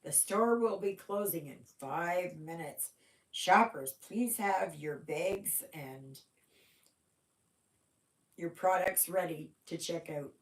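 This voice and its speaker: A woman putting on a mock supermarket announcement, playing a store announcer who tells shoppers the shop is closing and speaks slowly and formally. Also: on the low side. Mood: mock official. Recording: roomy echo.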